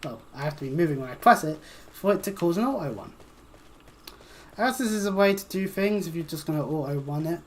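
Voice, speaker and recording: Low, lively woman streaming a game. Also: brisk, a little hiss or hum. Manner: chatty, humming, swears casually. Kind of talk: casual gameplay commentary.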